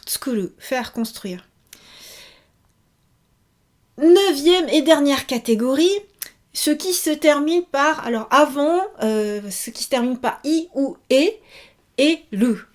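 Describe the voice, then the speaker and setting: A woman giving a casual video lesson, chatty, with many fillers, repeating each example word. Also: fairly high pitch. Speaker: Japanese teacher.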